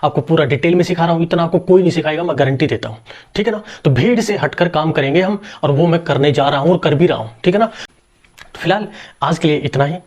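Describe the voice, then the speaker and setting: Man teaching grammar, slightly high voice. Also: fast, a little mellow. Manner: explains step by step with constant rhetorical questions; reassuring fillers and repeated checks. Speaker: English teacher. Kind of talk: online grammar lesson.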